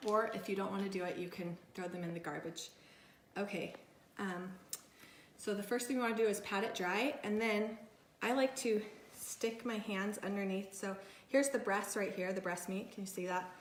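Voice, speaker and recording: A woman's voice: mid-range voice, normal speed, roomy sound, slight background noise. A woman food blogger giving a casual cooking tutorial in her home kitchen, talking chattily while she works with her hands.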